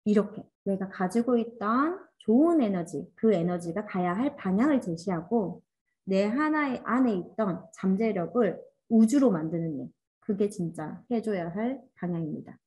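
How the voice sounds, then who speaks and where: A woman leading an online workshop, speaking in an animated, coaxing way and acting out inner voices as she teaches. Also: mid-range voice, moderate pace. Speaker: workshop instructor. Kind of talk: online class lecture.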